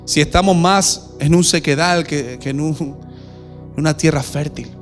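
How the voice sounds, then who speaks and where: A pastor preaching a sermon in a church, direct and questioning. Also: male voice, a little high, a little slow, soft background music.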